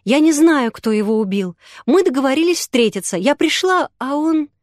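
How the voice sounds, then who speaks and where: Woman reader voicing a young woman, frightened, defiant, high, snappish, audiobook, dry sound. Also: lively intonation, moderate pace, no echo. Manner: sharp, snapping, higher voice.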